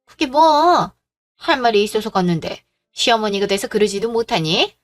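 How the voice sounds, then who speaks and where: A woman's voice: mid-range voice, brisk, soft background music, close to an everyday voice. A woman voicing a pushy, greedy middle-aged mother-in-law who scolds and makes demands, in a storybook drama reading. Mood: scornful.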